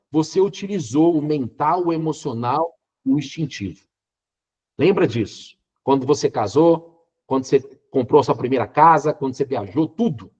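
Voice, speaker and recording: A man's voice: high voice, darkish tone, breathy edge. A man giving a motivational Enneagram lecture, stressing his points and putting rhetorical questions to the audience. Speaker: Enneagram teacher.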